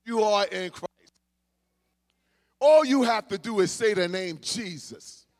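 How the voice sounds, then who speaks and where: High-voiced preacher swinging to shouts. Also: male voice, takes it slowly. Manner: swings from low murmurs to shouted exhortation. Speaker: pastor. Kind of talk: sermon.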